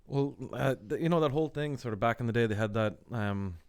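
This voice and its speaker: Thirties guy, half west of ireland half american accent, smooth voice, very dry recording, just chatting. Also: mid-range voice, fairly quick, dry recording. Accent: blend of west of Ireland and American. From United States and west of Ireland. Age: 30s. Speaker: podcast host. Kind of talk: casual chat.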